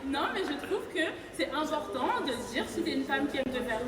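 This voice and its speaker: A high-voiced woman speaks her mind frankly in a casual chat. She sounds distant from the mic in an echoey room. A loud crowd fills the space around her. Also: animated, a little fast. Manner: frank, opinionated. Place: large echoing indoor filming premises.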